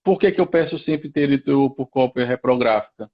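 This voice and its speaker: A lawyer from Recife, Brazil, speaking Brazilian Portuguese with a Pernambuco accent, appears as a guest on a live stream. His mid-range, gravelly voice moves a little fast as he explains procedures methodically step by step, often restarting, and the audio sounds dull.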